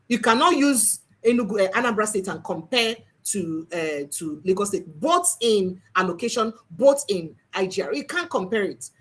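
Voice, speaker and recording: A woman's voice: mid-range voice, big pitch swings, moderate pace, hardly any pauses, slightly rough. A Nigerian woman hosting a political commentary livestream, emphatic and slipping into Pidgin. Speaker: livestream host.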